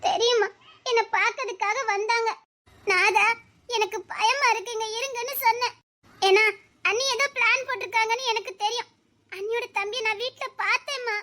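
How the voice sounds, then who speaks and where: A woman's voice: very high voice, steady tone, a little fast, bright, forceful tone. A woman voicing a tearful pleading cartoon heroine. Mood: earnest. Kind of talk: cartoon voice acting.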